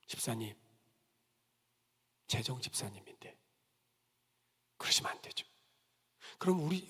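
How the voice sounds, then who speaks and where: A middle-aged pastor with a high, breathy voice preaches in a church sanctuary, and long reverb trails his words. He tells stories animatedly, acting out the voices of the people in them.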